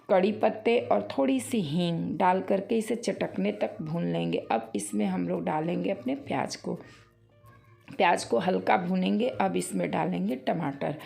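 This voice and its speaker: A woman's voice: mid-range voice, creaky, warm tone. A woman, a cooking channel host, giving a homely, explanatory recipe tutorial voice-over and talking straight to her viewers.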